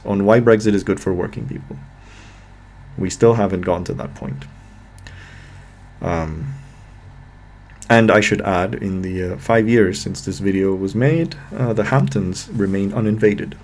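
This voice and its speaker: A low-voiced man reacting to a political clip with open exasperation. He swears freely and drags out his words to stress each point, sounding fed up and sarcastic. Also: darkish tone. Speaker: political commentator. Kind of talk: reaction video commentary.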